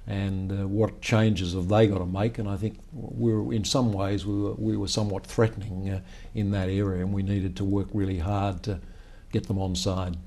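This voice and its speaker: A company founder and chief executive in his sixties gives a business interview, answering in a measured, storytelling way and often opening with "well, look." His voice is low and mellow, though his delivery is flat. A lapel mic records him in a meeting room of a high-rise office.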